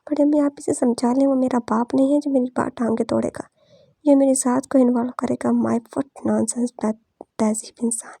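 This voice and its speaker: A woman doing a fiery young woman from a storybook, defiant and scolding. She sounds high yet dark-toned and gravelly, with a husky edge. The recording is dry and close. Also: fairly even intonation, normal speed, dry recording. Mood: furious. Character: angry, sharp-tongued young woman.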